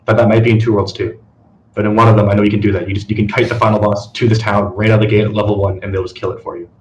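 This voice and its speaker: A man's voice: lowish voice, level tone, very fast, darkish tone, roomy sound, highs cut off, a little hiss or hum. A man on a live game review panel who rambles and says "like" a lot. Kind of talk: casual panel discussion.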